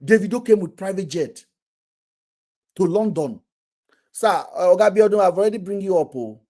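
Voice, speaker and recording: A man's voice: high voice, animated, normal speed, dark tone. A man hosting a casual live stream, talking animatedly and often restarting his words.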